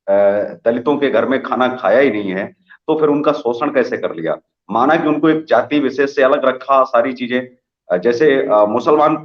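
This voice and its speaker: Brief: male news interviewer, mid-pitched, pushes rhetorical questions, roomy dull broadcast sound. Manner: argumentative, long rhetorical questions. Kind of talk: opinionated live TV interview.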